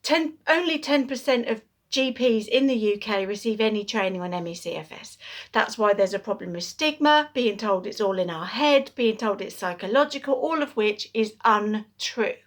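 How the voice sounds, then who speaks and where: A woman speaking earnestly to camera in an advocacy vlog, out of breath, pausing and restarting as she talks. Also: medium pitch, expressive. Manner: earnest, pauses and restarts mid-sentence. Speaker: awareness campaigner.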